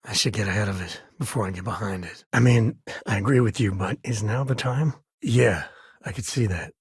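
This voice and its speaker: Sam Coe, husky easygoing space cowboy. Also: male voice, fairly low pitch, brisk, no room sound, clean studio sound. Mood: casual, wry. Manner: folksy, conversational, wry. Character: easygoing, warm-hearted frontier spacefarer, a devoted father. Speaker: video game companion character. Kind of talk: video game character dialogue.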